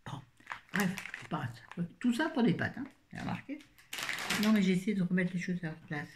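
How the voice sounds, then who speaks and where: A woman's voice: on the low side, big pitch swings, normal speed, noisy background. A woman in her fifties chatting casually through a grocery haul, rambling with self-mocking asides. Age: 50s. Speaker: vlogger.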